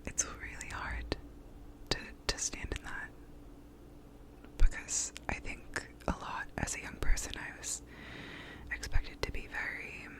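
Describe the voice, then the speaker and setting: A woman's voice: unhurried, long pauses, rough recording. Woman giving a whispered pep talk. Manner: whispering throughout, close up; reassuring, validating. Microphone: close to the mouth.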